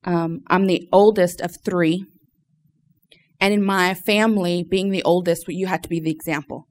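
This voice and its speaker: A woman with a fairly low voice shares an informal personal testimony with a group. She is from Louisiana and speaks hesitantly, often pausing to search for words. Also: fairly even intonation. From Louisiana, United States. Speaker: church member giving testimony.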